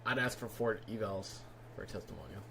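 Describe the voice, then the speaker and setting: A man's voice: lowish voice, brisk, gravelly, pushed and bright, slight background noise. A man hosting a trading livestream, who banters casually and jokes with his chat. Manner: joking, laid-back banter. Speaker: livestream host and trader.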